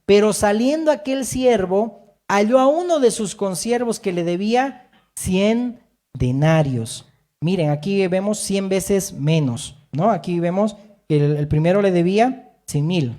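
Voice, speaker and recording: Man, pastor preaching, high voice, mellow tone, emphatic with repeated amens. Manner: emphatic preaching, rising and falling, frequent amens. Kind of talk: sermon.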